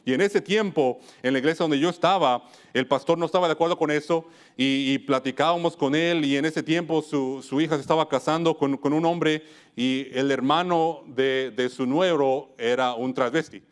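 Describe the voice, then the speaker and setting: A man's voice: on the high side, moderate pace. A man from Wisconsin preaching a church sermon, earnest, often stopping to restart and correct himself mid-phrase. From United States (Wisconsin).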